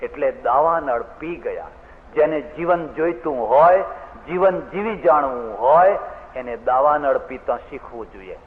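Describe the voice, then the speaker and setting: A man's voice: medium pitch, lively intonation, unhurried. A male spiritual preacher delivering a devotional sermon, telling stories in an earnest voice with the odd aside. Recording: tinny PA sound, long hall reverb.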